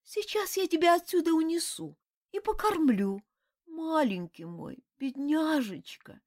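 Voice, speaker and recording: A woman voicing an impulsive young noble lady in an audiobook, with high, exclaiming lines. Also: lively intonation, a little slow, a little mellow, no room sound, studio quality. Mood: fretful, exclaiming. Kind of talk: audiobook character voice.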